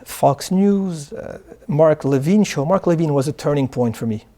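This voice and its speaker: A man's voice: on the high side, animated, normal speed, warm tone. A man from Morocco, a guest answering interview questions in an earnest way, often repeating words as he starts sentences. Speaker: guest, charity founder. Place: studio.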